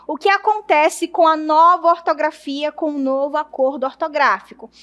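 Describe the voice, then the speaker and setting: A Brazilian woman teacher with a high voice takes her class through a lesson one step at a time. She stretches out syllables as she spells them and keeps checking in with the students. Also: steady tone, moderate pace, fairly bright tone, muffled recording. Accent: Brazilian Portuguese.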